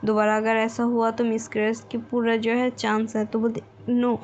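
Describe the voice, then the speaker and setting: A woman storyteller with a fairly high voice who retells a fan story in a chatty, filler-heavy way and talks directly to her viewers. The recording sounds a bit dull, with a faint hiss in the background. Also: completely flat delivery, moderate pace, a little mellow. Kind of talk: casual fan-fiction story narration.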